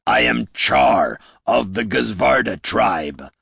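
A man voicing a proud, menacing male orc chieftain in an audiobook, with a gravelly voice and a slow, booming, commanding delivery. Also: lively intonation, a bit bright, no echo, clean studio sound, full character voice. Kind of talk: audiobook character voice.

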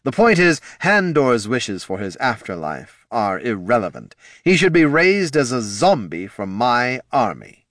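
A man's voice: mid-range voice, sing-song, unhurried, fairly bright tone, dry recording, studio quality, pitched above the performer's own voice. A man voicing a skeletal undead lich lord who is imperious, sardonic and impatient.

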